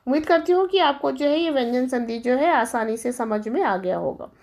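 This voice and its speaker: High-voiced woman teaching grammar. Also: lively intonation, moderate pace, darkish tone. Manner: explains step by step, asking and answering her own questions; addresses students as children. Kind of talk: classroom-style grammar lesson.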